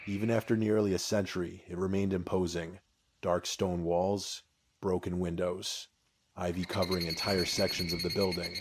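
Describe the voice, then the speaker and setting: A man narrates a first-person horror story in a solemn, measured way, with short phrases and deliberate pauses. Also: sits low, noisy background.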